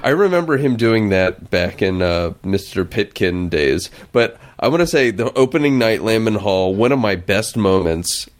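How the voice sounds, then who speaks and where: A man's voice: fairly low pitch, animated, moderate pace, hardly any pauses. A man reminiscing eagerly about an old stage production in casual podcast chat, rambling with many restarts. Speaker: podcast co-host.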